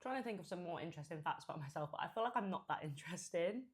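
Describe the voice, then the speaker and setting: A woman's voice: lowish voice, animated, racing, husky. A woman, chatting casually to followers while eating, chewing as she talks. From Hampshire, England and Japan. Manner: chewing and eating while talking, mouth sometimes full; chatty, informal. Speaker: food content creator. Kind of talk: casual mukbang chat to followers.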